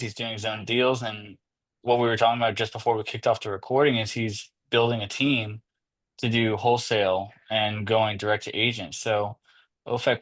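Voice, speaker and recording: Laid-back male podcast host, low voice. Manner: relaxed, conversational, drawling "kinda" and "y'all". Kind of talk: casual podcast interview.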